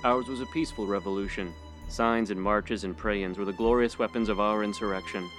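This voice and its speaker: A man narrating a short story in a steady, measured first-person reading. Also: fairly low pitch, faint music behind. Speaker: audiobook narrator.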